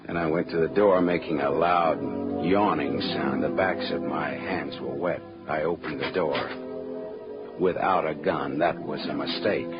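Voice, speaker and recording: An actor with an American accent playing a tough, wisecracking private detective in a clipped, wry 1940s radio noir style. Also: male voice, a bass voice, steady tone, a little slow. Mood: wry, tense narration. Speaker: lead actor and narrator. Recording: muffled old radio recording with music.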